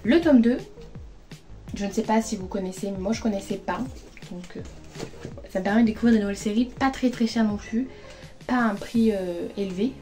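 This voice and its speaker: A woman's voice: medium pitch, fairly quick, long pauses, warm tone. A woman casually chatting through a book haul on her phone, rambling with lots of fillers and sounding overheated. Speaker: book vlogger. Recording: phone recording with faint music.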